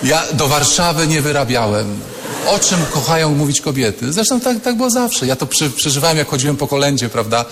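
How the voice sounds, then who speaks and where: A man's voice: fairly high pitch, big pitch swings, fairly quick, noisy background. A man, a priest, giving a humorous sermon to students, telling anecdotes and acting out the people in them. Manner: storytelling, acts out quoted voices. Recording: echoey hall with long reverb.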